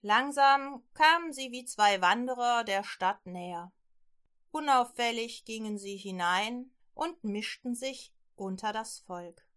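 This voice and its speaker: Woman storyteller, very slow and bright, expressive read-aloud style for children. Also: fairly high pitch.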